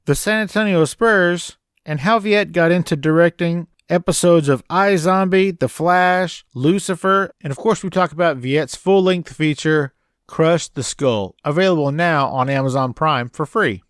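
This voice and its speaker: Male podcast host, casual and breezy, slightly high voice. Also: unhurried, a bit bright, clear, resonant tone, no echo, clean studio sound. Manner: breezy, addresses listeners as guys. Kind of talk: casual podcast chat and ad reads.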